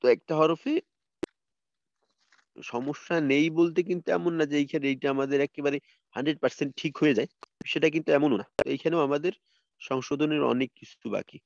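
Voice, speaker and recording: A man's voice: on the high side, steady tone, a little mellow, no echo. Guy teaching arabic letter sounds online, patient, says them over and over, kinda dull dry audio. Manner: patient, repeats letter sounds slowly for students to copy. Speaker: Quran recitation teacher. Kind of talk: online tajweed lesson.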